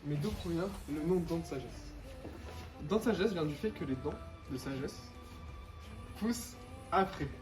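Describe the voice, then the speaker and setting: A man's voice: on the high side, lively intonation, moderate pace, long pauses. A young man giving a prepared explanatory presentation as a student. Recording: echoey, distant mic, music behind.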